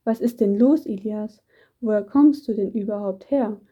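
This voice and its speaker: A woman's voice: medium pitch, moderate pace, close to an everyday voice. A woman voicing a worried, caring young friend who asks questions in a raised voice. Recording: dull muffled recording.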